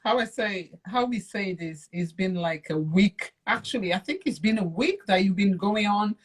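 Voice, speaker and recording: A woman from Portugal hosting a live video call from home, chatty and quick to laugh. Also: mid-range voice, expressive, slightly rough. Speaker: live-stream co-host. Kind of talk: casual live-stream chat. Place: at home in London.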